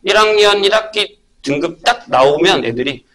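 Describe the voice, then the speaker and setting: A middle-aged man, a math academy teacher, giving an information session talk to parents and telling stories in an animated way. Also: sits high, normal speed, crowd noise. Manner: animated storytelling, acting out students and himself.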